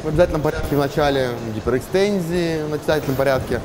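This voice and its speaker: Middle-aged male gym host, brisk and a bit high-voiced, music under him. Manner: lively, quick questions. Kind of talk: casual interview chat. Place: indoor gym.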